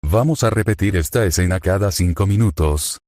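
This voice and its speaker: A man's voice: low-pitched, moderate pace, darkish tone, dry recording, studio quality, close to an everyday voice. A man voicing a bored male villain who mocks with poisonous sweetness and weary disdain. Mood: scornful.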